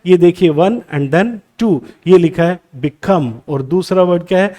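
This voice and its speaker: A man's voice: high-pitched, a little slow, mellow. A man teaching English exam prep in a lecture, mixing Hindi with English terms and answering his own questions. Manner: asks the class questions, then answers them himself.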